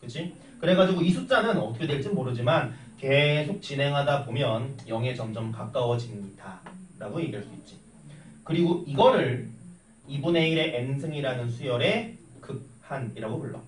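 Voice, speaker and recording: A young man teaching math in a classroom, chatty and animated, telling stories and tossing questions at his students. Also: medium pitch, normal speed. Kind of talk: classroom lecture with storytelling. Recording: echoey classroom from a distance with faint noise.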